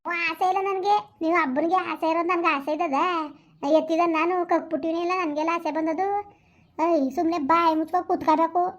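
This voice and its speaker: Fast, very high-pitched scolding woman. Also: steady tone. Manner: scolding, consoling, rapid-fire. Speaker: comedy sketch performer. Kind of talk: village comedy sketch. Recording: dull lo-fi sound.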